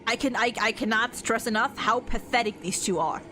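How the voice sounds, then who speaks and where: A woman's voice: on the high side, brisk, noisy background. A woman giving casual live game commentary as a streamer, stammering and repeating her words as she reacts.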